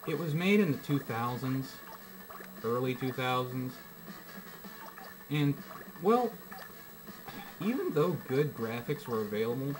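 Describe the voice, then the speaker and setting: Man's halting casual gameplay commentary over music. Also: mid-range voice, lively intonation, poor audio. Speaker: game reviewer and commentator.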